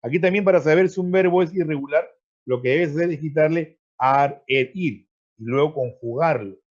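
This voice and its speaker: A man's voice: on the high side, normal speed. Man teaching over a muffled video call. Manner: explanatory, checks in with frequent "¿ya?" and "¿no?"; repeats words while searching. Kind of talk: online pre-university grammar class. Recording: dull lo-fi video call audio.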